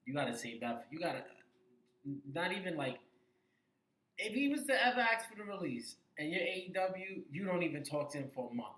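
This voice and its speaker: A man's voice: high voice, brisk. A man co-hosting a casual wrestling podcast, talking with energy and repeating his points for emphasis. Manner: animated, repeats himself for emphasis. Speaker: podcast co-host. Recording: echoey room.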